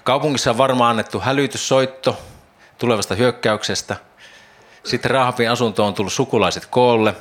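A man's voice: medium pitch, a bit bright. A man preaching a devotional Bible teaching, reflective, imagining the scene aloud and posing questions to his listeners.

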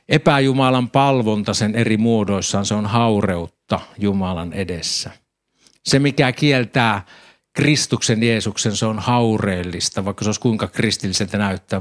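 A man preaching a sermon, calmly explaining scripture and reading passages aloud. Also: fairly low pitch.

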